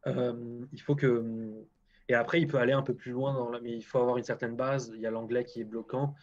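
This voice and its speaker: This muffled recording features a man with a French accent, a guest agroclimatologist on a live stream. His medium-pitched, slightly mellow voice moves little in pitch and runs a bit fast, and he is blunt and self-deprecating with many restarts.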